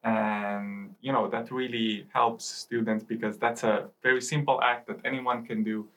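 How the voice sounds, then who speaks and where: A young man from Italy speaks as a student guest on a podcast, often pausing and restarting as he explains. His voice is bright and crisp, at a middle pitch for a man. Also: level tone. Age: young adult. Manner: hesitant, many fillers and restarts while explaining. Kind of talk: casual interview talk.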